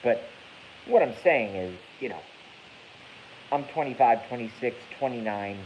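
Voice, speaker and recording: This Massachusetts man in his thirties streams live on YouTube, his medium-pitched voice animated though a little slow. His casual rant wanders, turns profane, and keeps correcting itself, all captured in dull lo-fi audio with faint hiss.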